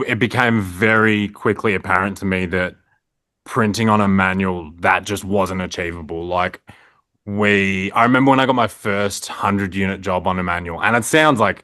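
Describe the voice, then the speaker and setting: Australian guest, young man, low bright voice, rambling filler-heavy talk, dry close sound. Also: no room sound. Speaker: print shop owner, guest. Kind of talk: casual interview chat.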